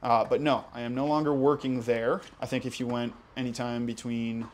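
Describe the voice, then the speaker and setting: A young tennis channel host from Hawaii, with an American accent, answers viewer questions in a laid-back vlog. He speaks at a normal speed and ordinary middle pitch, with easy enthusiasm and casual fillers.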